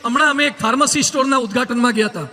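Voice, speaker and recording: A man's voice: very high-pitched, rapid-fire, sharp tone, big-room sound. A man, a monk, giving a sermon with humorous stories and emphatic moral points.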